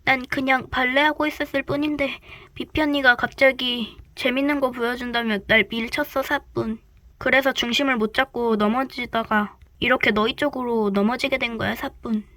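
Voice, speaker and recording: A woman voicing a gentle little female ballet fairy who speaks softly and ends her lines with a catchword. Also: high voice, steady tone, normal speed, dry recording. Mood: hushed.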